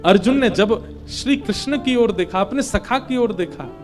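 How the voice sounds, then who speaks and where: A man's voice: high-pitched, lively intonation, normal speed, faint music behind. A man retelling a scripture story as a devotional preacher, explaining it emphatically and chanting verses.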